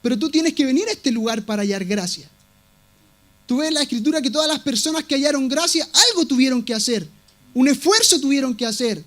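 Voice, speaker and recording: A man preaching a sermon in a strikingly high voice. He is emphatic and insistent, circling back to the same words to drive each point home. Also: animated, brisk, a bit bright. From Latin America. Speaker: pastor.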